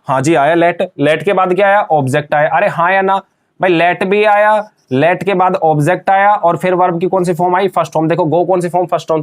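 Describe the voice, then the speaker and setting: A man with a notably high voice leads an English grammar lesson for students. He drills them as he goes, asking a question and answering it again and again.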